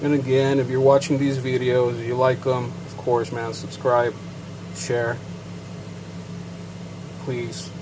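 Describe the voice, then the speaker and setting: A certified payment terminal technician, bilingual in English and Spanish with a Chicano Mexican-American accent, demonstrates a technical setup casually, rambling with fillers and asides. His mid-range voice is completely flat and slow, with frequent pauses and a noisy background.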